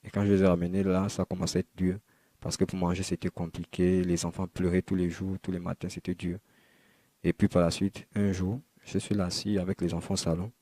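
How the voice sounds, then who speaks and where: A man recounts his personal testimony in a quiet, halting manner, circling back and restarting his sentences. His voice sits low and dark with little rise or fall. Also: level tone, no room sound. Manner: halting, repetitive retelling with many restarts. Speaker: man giving a conversion testimony.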